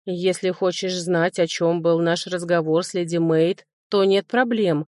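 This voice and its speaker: A woman voicing a sly male high lord and mage who answers in a mocking, evasive way. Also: fairly even intonation, measured pace, a little mellow, no room sound, clean studio sound, natural voice. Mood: defensive.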